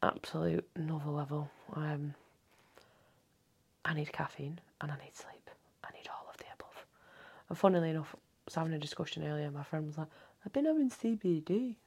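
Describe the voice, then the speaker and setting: A low-voiced woman in her thirties rambles through a late-night solo podcast from home. Her voice is husky with a gravelly edge, and she swears freely and often slips into a hushed half-whisper. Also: level tone, brisk. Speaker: podcast host. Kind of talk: casual solo podcast chat.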